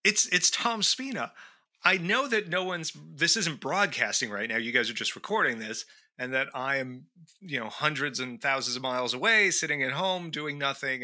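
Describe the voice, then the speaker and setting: A man calling in as a podcast guest, chatting casually and comically in deadpan, rambling explanations. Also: on the high side.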